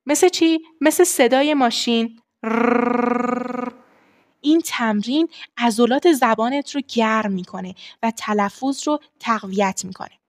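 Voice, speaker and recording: A young adult woman voice coach giving a lesson on vocal warm-ups, explaining steps and demonstrating the exercises herself. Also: on the high side. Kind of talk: voice training lesson.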